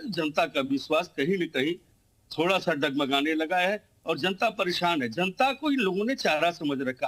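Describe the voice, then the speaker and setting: A man's voice: a little high, a bit bright, low-quality recording. A man arguing heatedly as a panelist in a TV news debate, talking over the others. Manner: combative, talks over others.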